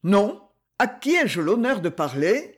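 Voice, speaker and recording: Narrator doing a snooty young aristocrat, short and cold, huskyish, high-ish voice. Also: male voice, big pitch swings, slow, breathy edge, heavily acted. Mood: curt haughty. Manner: curt, disdainful. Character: haughty young nobleman, proud and disdainful.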